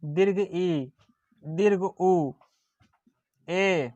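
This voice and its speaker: A teacher giving a grammar lesson, dictating definitions slowly, repeating words and checking that students follow. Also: mid-range voice, darkish tone, no echo, muffled recording. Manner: slow and deliberate, repeats words and checks understanding; drawls vowels aloud as examples.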